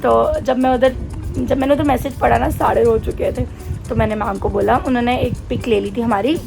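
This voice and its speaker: A woman vlogger chatting casually into a handheld phone camera at home, animated and laughing at herself. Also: on the high side, moderate pace, gravelly, soft background music. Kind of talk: casual vlog chat in Hindi mixed with English. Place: at home getting ready.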